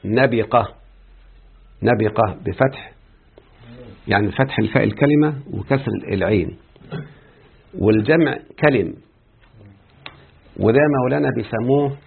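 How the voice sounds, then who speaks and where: A man's voice: lowish voice, vocal fry, slightly rough. A man with an Egyptian Arabic accent teaching Arabic grammar in a classroom lecture, explaining step by step, repeating terms and putting questions to his students. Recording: tinny phone-like lecture recording.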